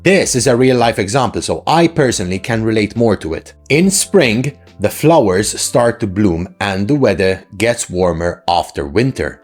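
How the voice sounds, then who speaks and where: Animated male English teacher over music. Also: fairly low pitch, moderate pace, few pauses. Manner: rhetorical questions with frequent "right?" tags. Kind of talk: instructional lesson to camera, conversational.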